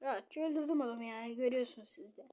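A young woman casually commenting on her gameplay, muttering to herself and then shouting at opponents. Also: a little high, racing. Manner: chatty, swings between muttering and loud outbursts at opponents. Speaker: gamer streamer.

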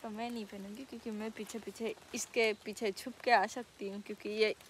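Out on a rainy hillside, a young woman holds her phone at arm's length and talks directly to viewers in a casual travel vlog. Her mid-range voice is flat and a little fast, and there's background noise.

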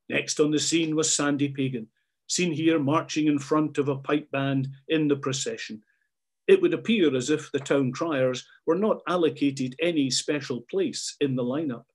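A man's voice: mid-range voice, a little mellow. A man reading a scripted documentary narration.

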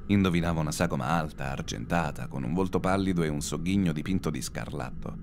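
A man's voice: very deep voice, fast, vocal fry, a little mellow, slight background noise. A man narrating a horror audiobook in a dramatic, suspenseful way. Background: faint background music.

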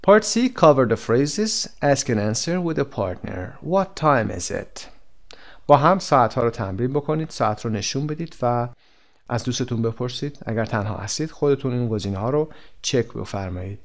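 Guy going through a textbook lesson, says example phrases slow and careful, rushes the explaining. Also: mid-range voice, animated. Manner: switches between quick explanations and slow, stretched-out example phrases. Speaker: English teacher.

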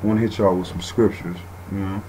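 Hosting a relaxed radio talk show, a man with a very low voice reads a passage aloud and then riffs on it casually in his own words, frequently ending lines with "man." He speaks fast but mellow with fairly even intonation, and the rough recording has a faint hiss underneath.

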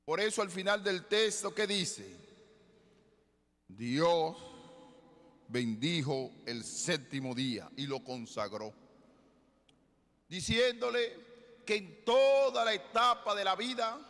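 Middle-aged male bishop, high bright voice, measured sermon in a long-reverb church. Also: animated. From Dominican Republic. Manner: slow, deliberate preaching with rhetorical questions. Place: large basilica with congregation. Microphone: ambo microphone, far camera.

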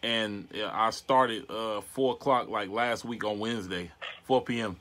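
An American man in his twenties doing a casual prank vlog, talking in a slangy, halting way to a phone and camera in a bedroom. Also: on the low side, fairly even intonation, a bit bright. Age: 20s. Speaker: prank caller and video host. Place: small bedroom, indoors. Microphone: device mic at arm's length.

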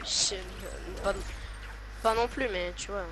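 A man's voice: sits high, takes it slowly, crowd noise. A young man chatting while gaming over a headset, dry and teasing in a laid-back way. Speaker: gamer. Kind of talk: casual gaming chat.

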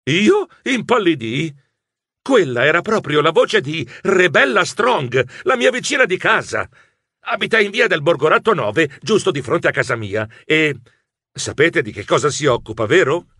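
Man, children's audiobook narrator, lively swooping voice, slightly husky, dry close mic. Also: on the high side, moderate pace, no echo. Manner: lively, expressive storytelling. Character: nervous male mouse writer narrating.

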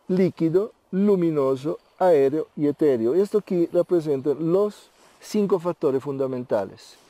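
Dark-toned male meditation teacher. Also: on the high side, no echo. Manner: patient step-by-step explaining with rhetorical questions; checks in with the listener often. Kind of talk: spiritual lecture.

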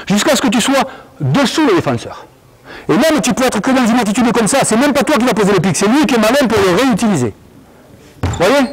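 A man coaching a basketball drill in an indoor gym, calling out commands and explaining moves in an animated, commanding way. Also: high-pitched, husky, poor audio. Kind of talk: on-court coaching demonstration.

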